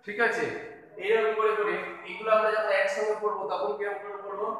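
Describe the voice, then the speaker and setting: A man's voice: sits high, level tone, quick pace, pushed and bright. A man teaching a kindergarten video lesson, patiently spelling out letters and words one by one. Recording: echoey room from a distance.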